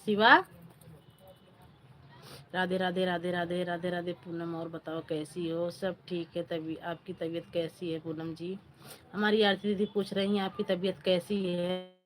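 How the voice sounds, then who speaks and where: A woman's voice: lowish voice, level tone, moderate pace, slight background noise. A woman hosting a casual live stream on her phone, chatting with viewers, greeting them by name and asking for likes. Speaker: livestream host.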